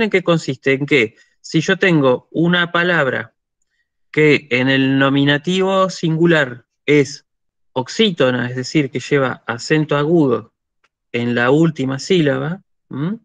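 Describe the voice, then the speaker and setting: A man's voice: a little high, no echo, lo-fi sound. A man with an Argentine Spanish accent, teaching a university lecture and often checking in with "¿sí?" while he thinks aloud.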